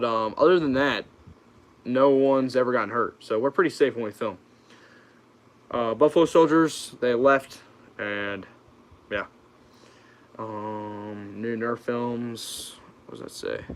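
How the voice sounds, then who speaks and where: A man's voice: mid-range voice, slow, pauses often. A young American man hosting a casual livestream Q&A, informal and hesitant, reading questions out and answering them off the cuff. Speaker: YouTube channel host.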